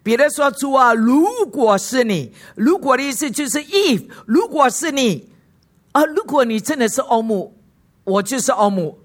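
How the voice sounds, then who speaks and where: A woman's voice: high-pitched, lively intonation, normal speed. A woman pastor giving a sermon in Mandarin, constantly putting questions to the congregation and slipping in short English words. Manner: asks the congregation frequent questions.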